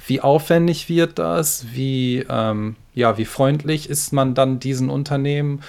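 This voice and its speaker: A man co-hosting a podcast, talking in a relaxed, chatty way with frequent fillers and hedges. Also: mid-range voice, measured pace, creaky, smooth. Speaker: podcast co-host. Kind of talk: casual chat.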